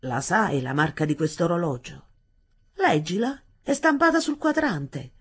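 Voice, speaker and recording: A proud, possessive father, smug and sarcastic, speaking sternly with a slightly husky edge, as a woman reads him aloud in a storybook. He sounds self-satisfied and talks down to the listener. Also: lowish voice, big pitch swings, a little slow, exaggerated voice. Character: proud, arrogant grown father, teasing and possessive.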